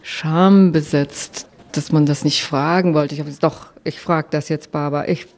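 An older woman telling a personal story in a lively way, often quoting her own thoughts. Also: sits low, moderate pace.

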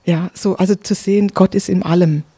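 A mellow, soft-edged voice tells of faith and inner experience in a calm, earnest way. The words come haltingly, with restarts and repeats. The recording is dry and close. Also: mid-range voice, husky, dry recording. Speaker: interviewee sharing spiritual experiences. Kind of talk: reflective personal testimony.

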